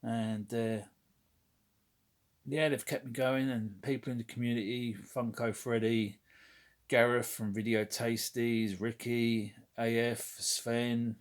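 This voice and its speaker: A man's voice: mid-range voice, little pitch movement, takes it slowly. A man rambling frankly in a casual vlog, with lots of fillers and casual swearing. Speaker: toy collector vlogger.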